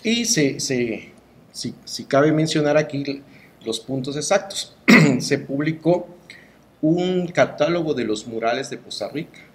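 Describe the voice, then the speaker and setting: Animated but measured, his voice runs a little high. This middle-aged cultural promoter, Mexican-accented, gives interview opinions with emphasis and rhetorical flair, frequently tacking on tag questions.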